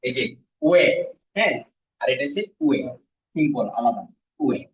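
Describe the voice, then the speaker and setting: A man teaching a basic language class who says sounds slowly and clearly, then has the students repeat them. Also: mid-range voice, lively intonation. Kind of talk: classroom lesson. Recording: echoey room, distant muffled mic.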